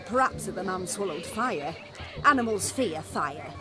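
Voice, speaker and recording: An actress playing an excitable, proud mother of a bride in a video game, chatty, dramatic and easily indignant. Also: on the low side, a little slow. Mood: gossipy. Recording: game music and crowd behind the voice.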